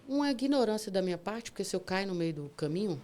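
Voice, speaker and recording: A woman, telling her own hard story as a podcast guest, animated and vivid, acting out what people said. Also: mid-range voice, fast talker. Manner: vivid, animated retelling with acted-out dialogue and sound words. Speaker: guest, cancer survivor. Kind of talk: emotional storytelling in a podcast interview.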